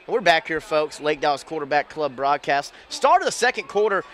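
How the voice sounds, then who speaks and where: A man calling high school football play-by-play from a press box, quick and excitable with chatty asides. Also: a little hiss or hum. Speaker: play-by-play announcer. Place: press box above a stadium.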